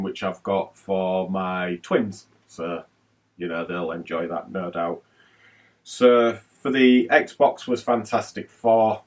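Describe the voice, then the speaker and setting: A man with a lowish voice talks through his gaming pickups in a loose, rambling way, full of ums and asides. He sits a little back from the mic, so the sound is slightly distant. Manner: chatty and rambling, with many fillers. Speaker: retro gaming YouTuber. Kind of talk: casual haul vlog talk.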